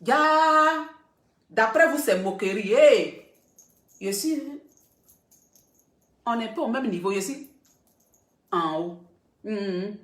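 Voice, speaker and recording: A woman's voice: on the high side, expressive, slow pace, long pauses, a bit bright. A middle-aged woman blogger talking casually to her viewers, emphatic and repeating points for stress. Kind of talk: casual live video talk. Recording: roomy echo.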